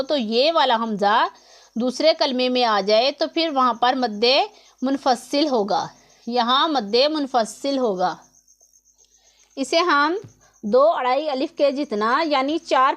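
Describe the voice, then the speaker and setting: In a close-miked recording, a woman with a high, slightly bright voice teaches tajweed slowly and step by step. She patiently explains each letter of Quran recitation and the length to hold it.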